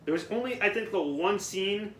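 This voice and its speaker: Young guy reviewing a film with friends, a bit high-voiced, rambling, stumbling on words, in an echoey room. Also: expressive, moderate pace, a bit bright. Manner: rambling, stumbles over words, laughs often. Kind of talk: casual group movie review. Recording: echoey room, faint noise.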